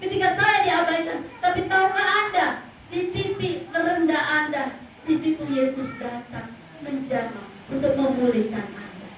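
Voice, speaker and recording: A woman pastor preaches with drama and acts out the people in her stories. Her voice is high. It rings through a big echoing hall, picked up from a distance with a faint hiss behind. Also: moderate pace, fairly bright tone. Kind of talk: Easter sermon. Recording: echoey hall, mic from far off.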